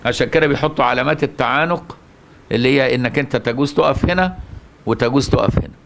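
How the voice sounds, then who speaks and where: A man's voice: mid-range voice, fast talker, creaky, a bit bright. Egyptian man teaching a Quran lesson. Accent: Egyptian Arabic. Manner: asks the listener rhetorical questions and answers them. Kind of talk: religious lesson.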